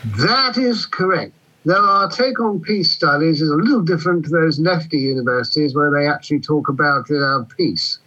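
A man playing a pompous, breezy British army general with a husky voice over a radio link in a comedy. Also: on the high side, normal speed, bright, forceful tone. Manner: pompous, breezy, clipped, condescending. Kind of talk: comedy radio character acting. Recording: dull radio-like line.

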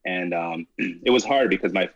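Low-voiced easygoing man from Jamaica. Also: normal speed, no echo, muffled recording. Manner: easygoing, laughs between answers. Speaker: guest, comedian and podcaster. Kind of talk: casual podcast interview.

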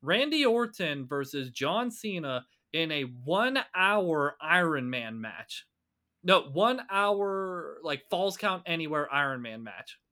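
A man's voice: fairly high pitch, big pitch swings, takes it slowly, pushed and bright. A man, co-hosting a casual podcast chat and talking animatedly, swearing and bragging about his trivia. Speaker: podcast co-host.

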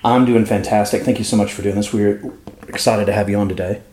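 A man's voice: lowish voice, steady tone, quick pace, echoey room, crowd noise. Man with a Florida drawl hosting. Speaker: podcast host. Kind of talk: podcast interview.

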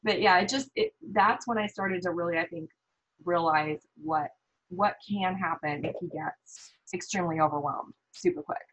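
A woman's voice: fairly low pitch, normal speed, rough recording. A woman from the American Midwest, a podcast guest, talking casually and telling stories with quoted thoughts. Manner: animated storytelling with quoted thoughts. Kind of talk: casual conversation.

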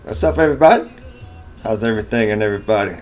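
A man's voice: on the low side, rapid-fire, soft background music. A middle-aged American man giving a natural, unscripted monologue, rambling casually with folksy slang and repeating himself. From United States. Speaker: vlog host. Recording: clearly noisy background ambience.

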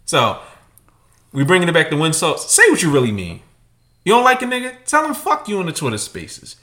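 A man's voice: a little high, huge pitch swings, brisk, pushed and bright. A man, co-hosting a podcast with brash, profane, emphatic rants. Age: 30s. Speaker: podcast co-host. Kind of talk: casual opinionated rant.

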